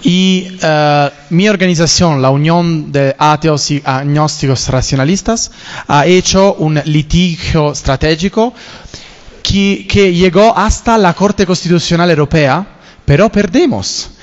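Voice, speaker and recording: A man with an Italian accent who speaks halting Spanish, searching for his words in a workshop discussion. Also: on the high side. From Italy. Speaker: activist participant. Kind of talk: discussion contribution. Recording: dull audio in a reverberant hall.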